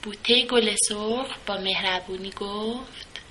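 A woman narrating a children's story in a slow, soft storybook manner. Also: medium pitch, slight background noise, low-quality recording.

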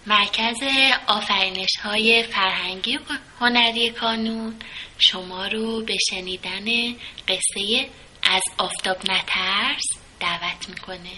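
A woman narrating a children's story in a slow, soft storybook manner. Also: medium pitch, fairly even intonation, a little hiss or hum, poor audio.

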